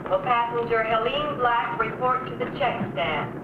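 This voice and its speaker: An actress playing a calm airport announcer, speaking in measured, formal announcements over an airport intercom. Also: female voice, on the high side, noisy background. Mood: announcing. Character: calm female airport public-address announcer. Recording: tinny, echoey, distant 1950s TV sound.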